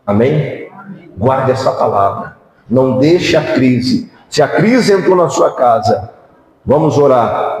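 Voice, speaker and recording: A man's voice: mid-range voice, a little mellow, slight background noise. A man with a Brazilian accent preaching a sermon as pastor, passionate and full of rhetorical questions, in a church. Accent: Brazilian Portuguese. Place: church hall. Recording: very echoey church hall.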